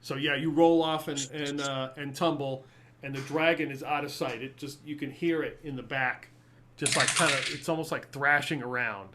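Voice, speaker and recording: A man's voice: on the high side, fairly even intonation, moderate pace, noisy background. A man narrating as game master of a tabletop game, rambling with many fillers. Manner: rambling, full of fillers and little laughs.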